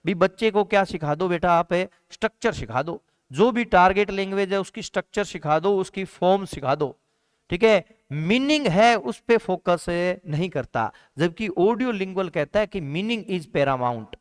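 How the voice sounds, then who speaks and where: A man's voice: high voice, animated, moderate pace, smooth. A man teaching an exam-prep lecture, asking and answering his own questions and repeating key points. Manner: calls students "beta" in a warm teacher's tone.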